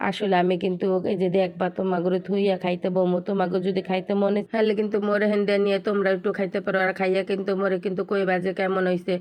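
A young woman with a Barishal Bengali accent talks quickly to her viewers while she cooks in her home kitchen. Her voice is smooth and clear, and her pitch stays level. She chats in a friendly way and uses many fillers. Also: little pitch movement, a little mellow. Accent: Barishal dialect of Bengali. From Barishal, Bangladesh. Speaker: cooking vlogger. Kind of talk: casual cooking vlog chat.

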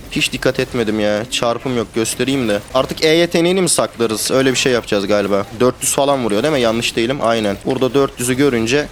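A young man streaming a video game, talking to his teammates in casual live commentary that swings between calm planning and excited shouting and swearing. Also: mid-range voice, slight background noise. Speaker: gamer streamer.

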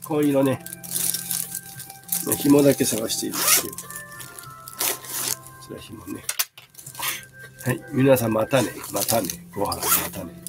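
A man's voice: medium pitch, animated, measured pace, pauses often, music in the background. A man in his fifties selling bags on a casual live stream, chatting and answering viewer comments as he shows each item. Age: 50s.

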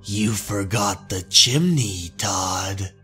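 A man's voice: lowish voice, drawn-out words, bright, forceful tone, husky, faint music behind, voice pushed down, heavily acted. A man playing a greedy, scheming male villain in a horror comic, gloating theatrically. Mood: menacing, mocking.

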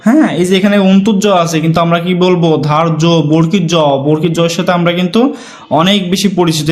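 A man's voice: high-pitched, a little mellow. A man teaching a pronunciation and spelling lesson to students, repeating words syllable by syllable and checking in with them often. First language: Bengali. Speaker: Bangla teacher.

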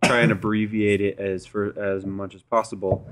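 A man's voice: fairly low pitch, level tone, moderate pace, slight background noise. A young man casually telling a rambling story as a podcast co-host. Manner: rambling, self-correcting, plays characters in his story.

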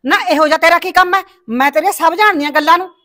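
A middle-aged woman playing a nagging village mother and wife who scolds her husband and frets over her daughter's wedding. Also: sharp tone. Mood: scolding. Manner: scolding, rapid and shrill.

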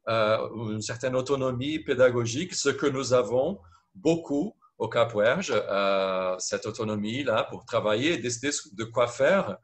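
A man from Brazil speaking French with a Brazilian Portuguese accent, talking hesitantly on a video call at a panel, often checking in with "d'accord?". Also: medium pitch. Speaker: panelist teacher. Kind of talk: video call round-table talk.

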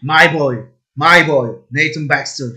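A man commentates his own football management game as if he stands on the touchline. His voice is bright and slightly high. He coaxes, scolds and cheers his players in quick bursts. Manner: coaching players aloud, urging and scolding; bursts into high shouts at attacks. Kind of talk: live commentary while gaming.

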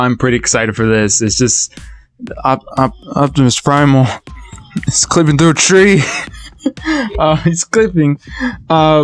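A man's voice: mid-range voice, clear, resonant tone. A man hosting a trailer reaction channel, chatting casually to his viewers in a rambling way, full of fillers and tag-on words. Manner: rambling, many fillers and repeated "though". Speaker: YouTube trailer reaction host. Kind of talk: casual chat to camera.

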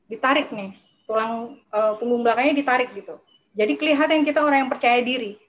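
A woman giving a lively public speaking workshop to a live audience, talking in a chatty way and acting out timid speakers. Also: fairly high pitch, brisk, rough recording. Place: lecture room with a live audience.

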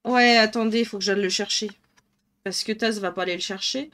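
A woman's voice: mid-range voice, steady tone, fairly quick, noisy background. A woman with a northern French accent streaming live, chatting casually and thinking aloud as she colours, laughing often. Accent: northern French (ch'ti).

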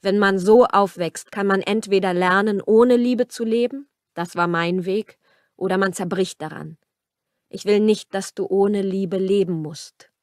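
A woman reading as a cold, brooding young man, voiced with a tense, clipped edge that pushes a little louder than her narration. The sound is dry and close, with no room around it. It is a storybook romance reading. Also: mid-range voice, steady tone, a little slow, dry recording, lightly acted. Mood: intense. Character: brooding young male rancher, cold and harsh. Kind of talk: audiobook character reading.

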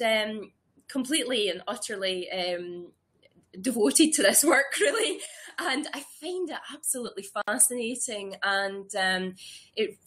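A woman in her thirties who grew up in Scotland, hosting a webinar as a herbalist from a small room at home, talking warmly and eagerly with many ums and restarts. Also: medium pitch. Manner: warm and enthusiastic, with frequent ums and restarts. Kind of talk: casual webinar talk. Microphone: webcam or laptop mic on a video call.

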